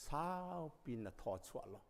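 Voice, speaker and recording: A man preaching a sermon as pastor, speaking emphatically and rising to loud passages. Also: measured pace. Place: church sanctuary. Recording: long reverb of a church hall.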